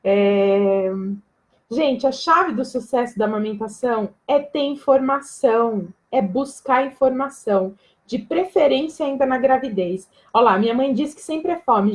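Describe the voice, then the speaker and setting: A woman's voice: fairly high pitch, normal speed, low-quality recording. Woman teaching viewers on a live stream. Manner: explanatory, repeats "tá?" to check understanding; casual and direct with viewers, jokes and laughs. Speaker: breastfeeding educator.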